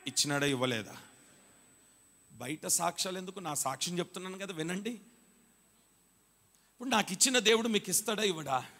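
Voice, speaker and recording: A male pastor delivers a Sunday sermon in a high-pitched, bright voice. He moves from quiet, confiding storytelling to fervent shouted exhortations, pressing his listeners to answer back. The live recording carries a long church-hall reverb. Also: brisk, pauses often. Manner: rises from quiet storytelling to shouted exhortation, urging the congregation to respond.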